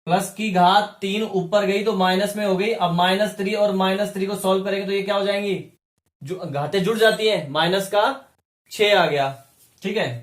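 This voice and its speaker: A man's voice: sits high, fairly even intonation, normal speed. A male chemistry teacher giving a classroom lesson, explaining step by step and often asking his students questions. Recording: echoey room.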